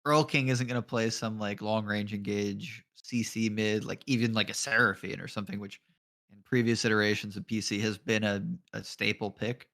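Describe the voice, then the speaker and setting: A man's voice: fairly low pitch, fairly even intonation, moderate pace, fairly bright tone. Laid-back man casting an esports draft. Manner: casual and joking, laughs often, swears offhandedly. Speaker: esports color commentator and league admin. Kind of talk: live esports draft commentary.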